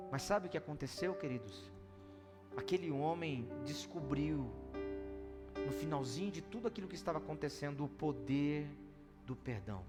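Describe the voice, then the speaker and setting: A man preaching a sermon as pastor, telling a story in an animated way that swings between loud and hushed. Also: a little high. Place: church service hall. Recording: reverberant church hall with soft music.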